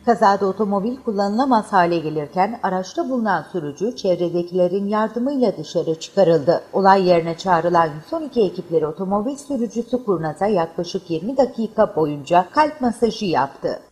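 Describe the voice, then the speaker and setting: A woman narrating a local news report in a steady, formal news-reading voice. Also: mid-range voice, brisk, hardly any pauses.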